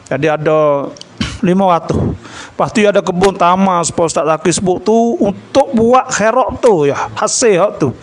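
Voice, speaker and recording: A man with a Kelantan Malay accent giving a religious talk, telling a story with acted-out dialogue and frequent throat clearing. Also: sits high, normal speed. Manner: animated storyteller, acts out dialogue. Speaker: religious lecturer.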